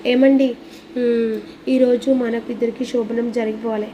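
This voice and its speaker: A woman voicing a scheming young wife who talks in a forceful, commanding way. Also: fairly high pitch, little pitch movement, unhurried, lo-fi sound, a little hiss or hum, lightly acted. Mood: determined.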